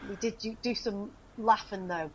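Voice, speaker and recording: A woman's voice: medium pitch, normal speed, slight background noise, low-quality recording. A middle-aged woman being interviewed, chatting and reminiscing with frequent laughs and fillers. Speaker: guest, actress. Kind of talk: casual chat, reminiscing.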